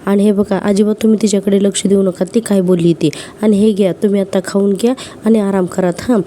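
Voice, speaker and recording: A woman's voice: medium pitch, fairly even intonation, a little fast, dark tone, close to an everyday voice. A woman playing a firm, scolding young woman. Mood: caring. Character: protective young woman, firm and sharp-tongued.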